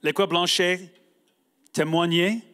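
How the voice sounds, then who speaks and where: A man from the United States, a native English speaker, giving a prepared talk in halting French with an American accent. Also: on the high side, steady tone, bright, forceful tone. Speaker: guest speaker. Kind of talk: prepared speech read aloud.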